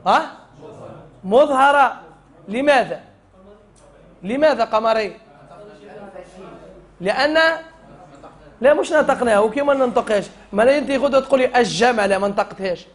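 A man with a Tunisian Arabic accent teaching a Quran recitation class, drilling the students and chanting the rules in verse. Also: extremely high pitch.

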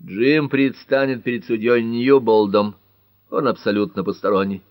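A man's voice: medium pitch, normal speed, a little mellow, no room sound, natural voice. A man reading an audiobook and voicing an elderly male judge who speaks in a dry, dismissive way.

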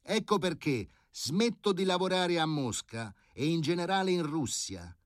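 A man reading aloud plays an imperious aging surgeon who talks down to everyone with icy, scornful courtesy. The voice sits high and swings widely, loud and pointed. The recording is close and dry. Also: animated, a little slow, no room sound. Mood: indignant. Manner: haughty, scornfully polite, booming outbursts. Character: indignant aging male professor, imperious surgeon. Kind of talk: audiobook character reading.

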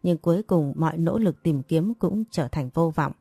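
A woman narrating a first-person audiobook story in a measured, even reading. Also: low-pitched, gravelly, husky, dry recording, studio quality, soft background music.

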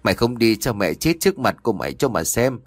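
A man's voice: on the low side, lively intonation, fast, dry recording. A man voicing a frightened, tearful old mother in a storybook reading. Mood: soothing. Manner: anxious, wailing.

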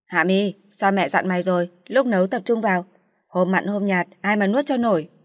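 A woman's voice: medium pitch, moderate pace, dry recording, close to an everyday voice. Brief: woman voicing a harsh middle-aged mother, raised and scolding, dry close sound.

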